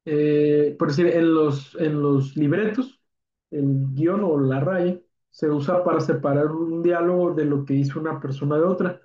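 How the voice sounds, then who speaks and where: A man teaches punctuation in a casual, rambling way and keeps checking in with tag questions. His voice is slightly high and mellow. The recording is dull and echoey, like a classroom. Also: steady tone, unhurried. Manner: informal and chatty, with many "eh" fillers and tag questions. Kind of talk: recorded spelling and punctuation lesson.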